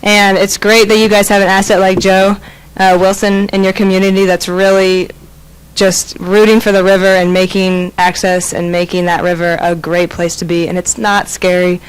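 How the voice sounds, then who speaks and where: A young woman from Kansas City speaks earnestly and cheerfully, in a smooth, clear voice. Her pitch stays fairly even, without much rise and fall. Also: normal speed, poor audio. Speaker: river trip member.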